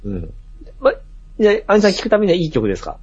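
A man's voice: high-pitched, huge pitch swings, fast, slightly rough. A man with a Kansai accent chatting casually as co-host, politely deferring with frequent short agreeing replies. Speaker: talk show co-host. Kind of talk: casual chat. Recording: dull, dry lo-fi recording.

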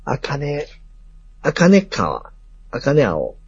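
A man's voice: medium pitch, huge pitch swings, slow, husky. A man with a Kansai accent chatting casually as co-host, politely deferring with frequent short agreeing replies. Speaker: talk show co-host. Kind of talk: casual chat. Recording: dull, dry lo-fi recording.

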